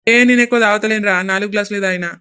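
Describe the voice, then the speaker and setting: A woman's voice: medium pitch, steady tone, racing, bright, forceful tone, clear, resonant tone, pitched below the performer's own voice, lightly acted. A woman voicing a mildly drunk, jokey village brother-in-law with a Telangana Telugu accent.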